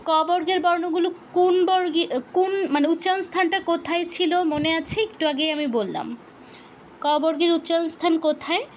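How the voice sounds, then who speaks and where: High-voiced woman teaching pronunciation. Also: lo-fi sound, a little hiss or hum. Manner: patient, asks questions and answers them herself, repeats drills slowly. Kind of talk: online lesson.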